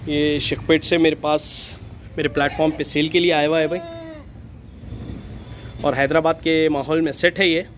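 Flat-voiced man selling goats. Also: fairly high pitch, moderate pace, pauses often, slight background noise. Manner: flat, steady, repeatedly says "bhai". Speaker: goat farm seller. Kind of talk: casual sales walkthrough. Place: outdoor goat pen.

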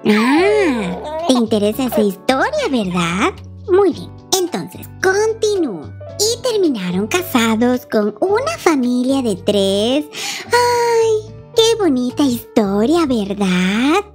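A young woman narrates her mobile game in a playful role-play. Her high voice swoops widely into sing-song baby talk. Faint children's music plays behind her. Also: big pitch swings, slow. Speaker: game video creator.

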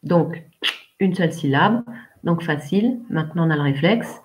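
A woman's voice: deep voice, lively intonation, normal speed, darkish tone. A woman teaching English in a live online class, encouraging pupils and calling on them by name. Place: home, remote teaching.

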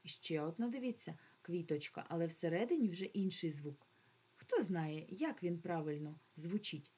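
A woman's voice: on the low side, animated, mellow, husky. A woman teaching a remote lesson to young children, drawing out sounds and syllables patiently, with a Ukrainian accent. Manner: slow, drawn-out syllables, patient, coaxing. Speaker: primary school teacher.

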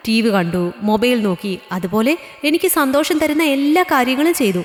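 A woman's voice: sits high, pitched above the performer's own voice. A woman voicing a strict but caring female schoolteacher, a mother herself, who questions firmly and lectures. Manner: firm, probing, lecturing. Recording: echoey reverberant room.

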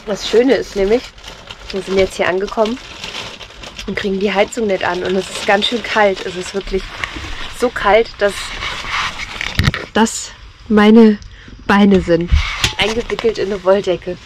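A woman with a medium-pitched, steady voice chats unhurriedly in a travel vlog, pausing often and sounding wry and teasing. The camping vlogger talks from inside a camper van, having been in the car earlier, and the recording picks up noisy car and camper sounds.

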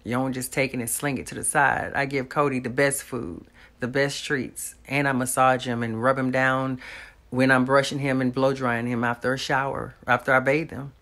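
A woman's voice: a bass voice, level tone, normal speed, a bit bright. A woman, earnestly telling a personal testimony straight to the camera from a small room at home. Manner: earnest, talks straight to viewers, faith-filled. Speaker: vlogger.

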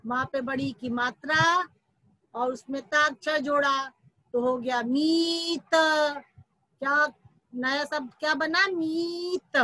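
A woman's voice: high-pitched, sharp tone, no echo, low-quality recording. A woman Hindi teacher giving a recorded lesson to young children. She stretches out each sound, asks questions and then answers them herself. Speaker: primary school Hindi teacher.

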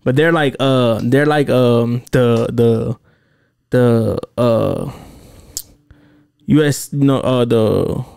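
A man in his thirties co-hosts a casual podcast from a small home studio, speaking into a boom-arm studio mic with headphones on. His mid-range voice is clean in tone but has vocal fry, drawn-out words and long pauses as he tells stories animatedly and swears heavily.

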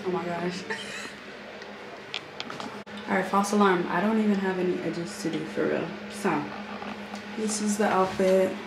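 Young woman filming a vlog: chatty, self-mocking, slow delivery, room echo. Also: medium pitch, fairly even intonation, noisy background. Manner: chatty, laughs often, self-deprecating. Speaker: travel vlogger. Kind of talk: casual vlog chat. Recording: roomy with background ambience.

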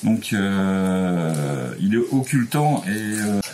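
A French man in his forties draws out his words in a fairly low, darkish, sing-song voice as he casually demonstrates a repair step by step. He's in a large workshop with slight background noise, and he speaks hesitantly, with many "euh" sounds and restarts.

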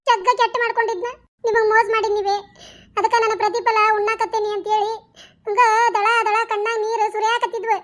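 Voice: very high-pitched, level tone, a little fast. A voice actor playing an anxious, doting old village mother in a cartoon, pleading and wailing with a North Karnataka accent. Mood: grumbling. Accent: North Karnataka Kannada. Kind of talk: cartoon voice acting.

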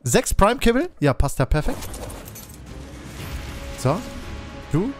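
A man giving excited, exclamatory commentary while playing a game, talking aloud to his creatures. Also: high voice, slow pace, faint music behind. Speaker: let's play host.

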